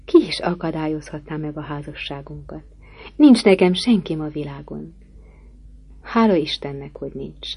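A woman reading aloud as a passionate, brooding middle-aged gentleman who pleads ardently. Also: low-pitched, creaky, slightly rough, exaggerated voice. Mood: intense.

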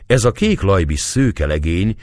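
A man reading a novel aloud as a measured, expressive audiobook narrator. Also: sits low, no echo, studio quality.

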